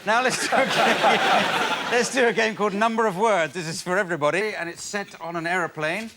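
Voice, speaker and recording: Guy hosting an improv comedy show, highish voice, bit hesitant, crowd in the studio. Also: a little fast. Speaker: game show host. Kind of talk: unscripted comedy game show presenting. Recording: live studio with crowd and noise.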